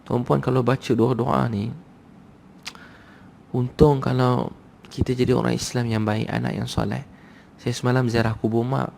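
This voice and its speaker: A man's voice: mid-range voice, flat delivery, moderate pace, vocal fry, pauses often, darkish tone, slight background noise. A man preaching a sermon to a live audience in a Malaysian Malay accent, conversational and repetitive, urging his listeners.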